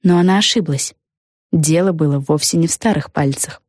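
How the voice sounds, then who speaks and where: A woman reads a children's story aloud in a lively, expressive way. Her voice sits low and she is recorded dry and close. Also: normal speed, no echo. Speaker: audiobook narrator. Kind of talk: scripted storybook narration.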